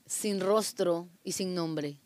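A woman's voice: fairly low pitch, slow pace, a little mellow. Woman interpreting a church testimony live.

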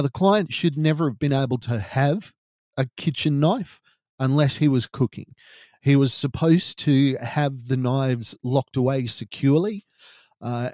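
Podcast host, male, Australian, middle-aged; serious true-crime-style first-person narration, deliberate phrasing, mid pitch, dry recording. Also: a little mellow, no echo.

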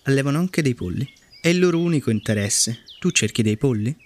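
A man voicing a wise, lonely female fox who explains things slowly and earnestly in a storybook reading. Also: medium pitch, lively intonation, pitched above the performer's own voice, close to an everyday voice.

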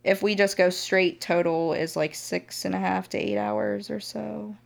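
A woman's voice: mid-range voice, level tone, measured pace, vocal fry. A young adult woman from Ohio, a motovlogger guest chatting casually on a podcast, laughing often.

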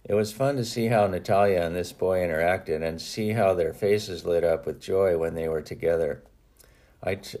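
A man with a deep, low voice reads his own memoir aloud. His tone is mellow and relaxed, and his manner is earnest and reflective, with a few small restarts along the way. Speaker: author reading his own book. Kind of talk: audiobook narration.

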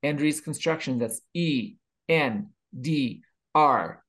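Male podcast host, mid-pitch, playful, slips into ad reads. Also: slow, a bit bright. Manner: jokey, reads ad plugs. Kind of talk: casual chat.

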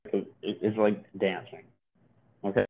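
A man's voice: on the low side, little pitch movement, a little slow. A man co-hosting a casual podcast, joking around and rambling with frequent restarts. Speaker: podcast co-host. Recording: tinny phone-like sound.

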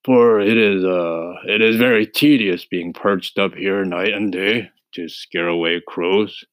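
A man voicing a friendly male scarecrow with a husky voice, polite and earnest. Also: low-pitched, fairly even intonation, unhurried, no echo.

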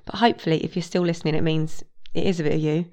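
A woman with a fairly low voice closes out her podcast alone, musing in a reflective, self-mocking way. She talks directly to listeners in plain conversational speech. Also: fairly even intonation, rapid-fire, dark tone. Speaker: podcast host. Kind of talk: solo outro commentary.

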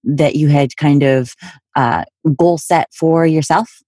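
Woman host asking questions, supportive and relaxed, deep voice, dry sound. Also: slow, no echo. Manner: warm, encouraging questions and short affirmations. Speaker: podcast host. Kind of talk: casual interview conversation.

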